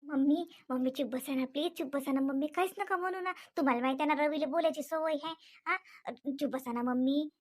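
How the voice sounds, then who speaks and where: A woman voicing an anxious young wife in an animated comedy, pleading for calm and repeating names insistently. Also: sits high, fairly quick, a little hiss or hum, natural voice.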